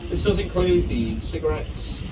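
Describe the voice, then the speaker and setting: Man, boat tannoy announcement, slightly high voice, heard from a distance, loud engine and wind noise. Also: lively intonation, moderate pace. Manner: practised, informative, matter-of-fact. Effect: over a boat's loudspeaker system. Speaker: boat crew giving cruise commentary. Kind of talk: safety announcement and tour commentary. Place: aboard a lake cruise boat. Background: engine, water and wind noise.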